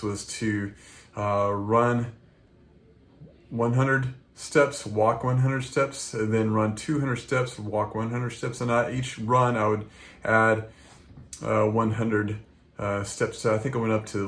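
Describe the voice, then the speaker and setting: An American man talking casually to viewers as a running vlogger, halting and rambling as he goes. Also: fairly low pitch. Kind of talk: casual vlog talk to viewers.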